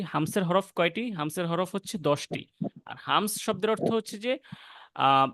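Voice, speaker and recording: Higher-voiced man teaching Quran recitation. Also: no echo, clean studio sound. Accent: Bangladeshi Bengali. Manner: explains patiently, then recites verses slowly and drawn out; demonstrates soft breathy letter sounds. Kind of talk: online class lesson with slow recitation.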